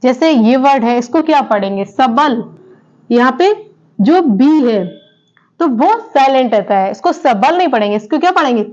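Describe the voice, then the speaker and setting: A woman's voice: high voice, expressive, moderate pace, a little mellow. A woman teaching English in a classroom style, repeating each word and quizzing her students with questions. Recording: dull lo-fi sound.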